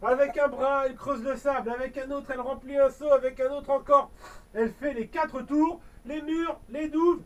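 A man's voice: extremely high pitch, steady tone, normal speed, a bit bright, distant mic. A man reading a children's story aloud, breaking off for jokey asides to his listener.

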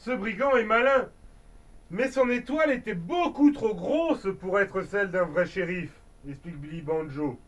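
Father reading a storybook to his kid at home; high voice, playful, heard from a distance. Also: moderate pace. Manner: playful, adds sound effects and asides.

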